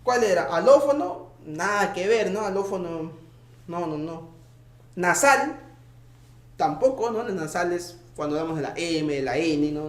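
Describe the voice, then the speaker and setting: A man with a high, light voice walks students through an exam answer by answer. He is patient and keeps checking in with them. The sound is roomy and echoey. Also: darkish tone. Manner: patient, checks in with tag questions. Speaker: teacher. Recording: echoey room.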